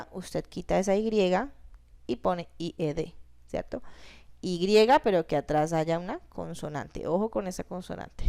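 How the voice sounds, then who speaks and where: A woman teacher goes through grammar rules at an unhurried pace. Her voice is smooth and clear. She repeats each step and keeps asking short questions to check that her students are following. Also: lowish voice. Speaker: English teacher. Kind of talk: classroom grammar explanation.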